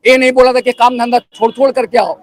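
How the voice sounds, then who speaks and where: A man's voice: very high voice, level tone. A man waiting in a long queue outdoors, complaining angrily about repeated paperwork. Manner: angry complaining, rapid grievances. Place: outdoors on a street.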